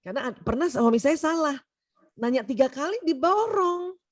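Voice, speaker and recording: A woman doctor giving a humorous seminar lecture, lively and teasing, often acting out quoted voices. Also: high voice, moderate pace.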